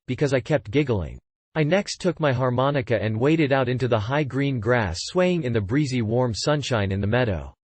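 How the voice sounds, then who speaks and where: A man's voice: medium pitch, a little mellow, dry recording. A man reading a scripted first-person story in descriptive, literary phrasing. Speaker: storyteller recounting a personal experience.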